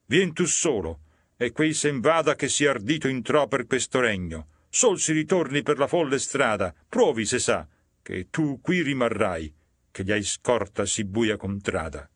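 A man's voice: medium pitch, lively intonation, a little slow, husky, no echo, clean studio sound. A man voicing a crowd of scornful fallen angels guarding a gate, declaiming with disdain.

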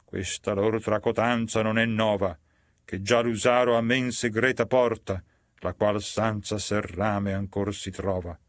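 A man's voice: lowish voice, fairly even intonation, measured pace, no echo, studio quality, close to an everyday voice. A man voicing a wise, stern old guide spirit, solemnly declaiming verse. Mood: resolute.

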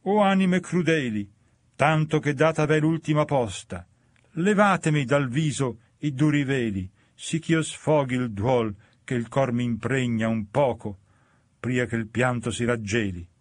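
A man's voice: medium pitch, measured pace, no echo, natural voice. A man reciting verse as a tormented male soul trapped in ice, with a raised, pleading, urgent voice.

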